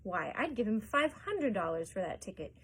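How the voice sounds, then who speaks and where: Give me a woman playing an indignant, shouting bystander woman. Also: mid-range voice, big pitch swings, moderate pace, slightly rough. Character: pushy loud woman in a crowd.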